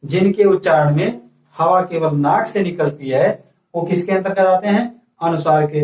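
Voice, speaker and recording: A male school teacher with a high-pitched voice gives a classroom grammar lesson, dictating slowly and steadily so students can take notes. He keeps repeating "ठीक है" and asks questions that he then answers himself. The recording is echoey, with his voice far off the mic in a roomy space.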